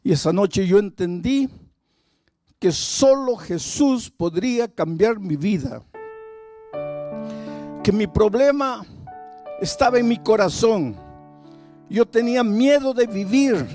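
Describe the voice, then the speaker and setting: A man's voice: sits high, darkish tone, voice pushed up. A male pastor speaking in the first person as a remorseful former drunk man confessing his past. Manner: confessional, heavy with guilt.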